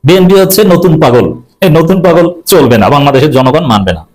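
A man's voice: a little high, big pitch swings, fast, a little mellow, low-quality recording. A middle-aged man giving an emphatic political commentary monologue, repeating slogans and adding mocking asides.

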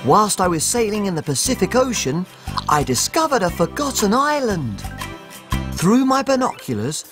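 A male actor with a high-pitched voice plays a tiny, excitable, cheerful cook, delivering exaggerated, animated children's-TV storytelling over music.

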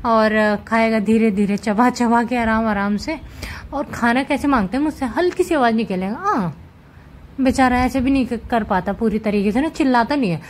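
A woman vlogging casually at home with her cats, chatting gently to viewers as she handles them. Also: a little high, normal speed, slight background noise. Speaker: cat vlogger. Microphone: camera set up nearby.

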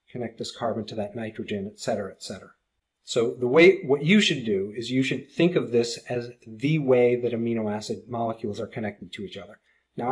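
A man's voice: medium pitch, darkish tone. A man teaching a recorded chemistry lesson, walking through each step patiently and plainly, with small restarts. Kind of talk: recorded video lecture.

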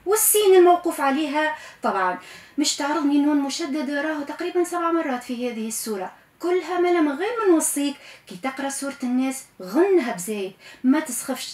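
Tunisian woman giving a recitation lesson, high voice, patient, drags sounds out slow to show them, echoey room. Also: animated, darkish tone. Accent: Tunisian Arabic. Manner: patient and coaching, stretches out sounds slowly to demonstrate. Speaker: Quran recitation teacher. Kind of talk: radio lesson on Quran recitation.

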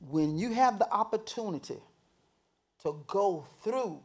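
A man's voice: high voice, lively intonation, measured pace, darkish tone. A man speaking as a guest on a panel, emphatic, with many call-and-response affirmations. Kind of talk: panel discussion.

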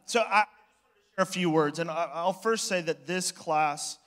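A man speaking as youth pastor, giving a heartfelt, halting address to graduating students. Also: a little high, fairly bright tone. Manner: emotional, halting, with frequent restarts. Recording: reverberant church hall.

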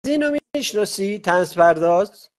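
A man's voice: sits high, animated. A man hosting a live-stream conversation, telling rambling stories full of quoted dialogue. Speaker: host.

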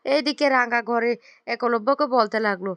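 A woman casually retelling a TV serial episode in a brisk storytelling vlog. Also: fairly high pitch, a bit bright, no room sound. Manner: brisk retelling with frequent fillers.

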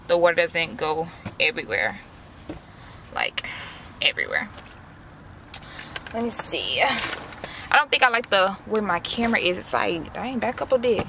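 A woman's voice: medium pitch, vocal fry, pushed and bright, a little hiss or hum. A young woman, chatting to her viewers in a slangy, direct way while doing a face mask inside a parked car, recorded on a camera close in front of her. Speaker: vlogger.

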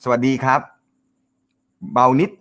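A man hosting a casual live stream, reading viewer comments, with a naturally loud voice and a joking, chatty manner. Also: slow. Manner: joking, laughs often, chatty. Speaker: host of a snooker live show.

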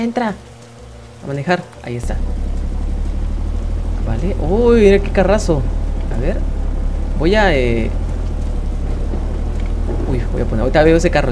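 A man with a Mexican accent giving playful, excitable gameplay commentary as a channel host, chatting to his viewers. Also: a little high.

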